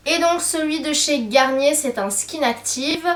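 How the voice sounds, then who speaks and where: A young woman with a slightly high voice chats about beauty buys, filling her sentences with hesitant fillers. She is recorded from a little way off the mic, and the room adds a clear echo. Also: unhurried, fairly bright tone, far from the mic. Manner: chatty, many hesitant fillers. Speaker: beauty vlogger. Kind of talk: casual haul chat to camera.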